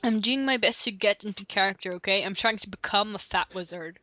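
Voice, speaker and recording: A woman's voice: mid-range voice, fairly quick, pushed and bright, no echo. A young woman co-hosting a podcast over an online call, chatting in a giggly, rambling way with many restarts. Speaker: podcast co-host. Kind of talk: casual chat. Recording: dull lo-fi call audio.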